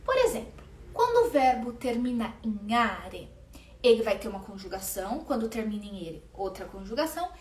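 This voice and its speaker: Woman, language teacher, higher voice, patient step-by-step explaining, live class. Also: darkish tone. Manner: explains patiently, sounds out conjugations slowly. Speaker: Italian teacher. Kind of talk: live online lesson.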